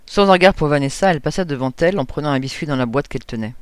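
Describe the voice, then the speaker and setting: A man reading a story aloud in an even storytelling voice. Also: fairly high pitch, very fast, clean tone, no room sound. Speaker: narrator.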